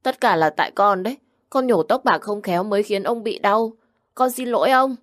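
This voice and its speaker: A small, affectionate little boy speaks in a bright, high voice, as a woman puts him on. He sounds polite and eager, his pitch lifted well above an adult's. The recording is dry and close, with no room behind it. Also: expressive, moderate pace, no room sound, lightly acted. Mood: tearful. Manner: chirpy and polite, tearful when upset.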